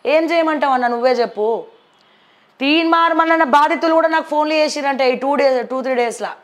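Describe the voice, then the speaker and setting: A woman with a Telangana accent presents the news, reviewing the papers and commenting on politics. Her voice sits high and moves fairly quickly. She talks conversationally but bluntly, questioning things and speaking directly to people.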